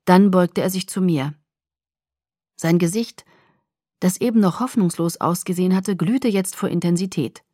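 Breathy low-voiced woman narrating a novel. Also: normal speed, long pauses, no room sound, clean studio sound. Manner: soft, hushed, intimate telling. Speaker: audiobook reader. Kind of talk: first-person novel narration.

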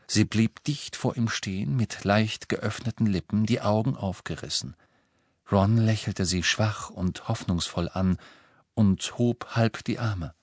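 A man narrating a novel as an audiobook, with an expressive, dramatic reading. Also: on the low side, no room sound, clean studio sound.

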